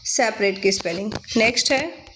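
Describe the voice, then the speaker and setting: A woman's voice: mid-range voice, moderate pace, fairly bright tone, slight background noise. A woman with an Indian accent teaching English spellings for exams, spelling words out letter by letter and checking with "theek hai". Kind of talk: exam-prep vocabulary lesson.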